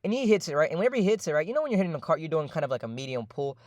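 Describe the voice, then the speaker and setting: A man's voice: on the high side, very animated, very fast, darkish tone, dry recording. A young man casually telling a story about his job, rambling, slangy and profane, with lots of fillers. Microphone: voice-over.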